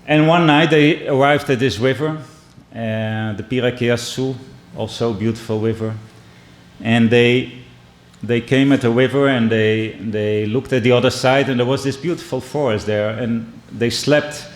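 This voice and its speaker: A middle-aged man from the Netherlands with a Dutch and Brazilian accent, giving a measured keynote speech and telling stories, often pausing and restarting. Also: mid-range voice, fairly even intonation. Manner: measured, with frequent restarts and pauses. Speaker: keynote speaker. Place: indoor conference hall. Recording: echoey hall.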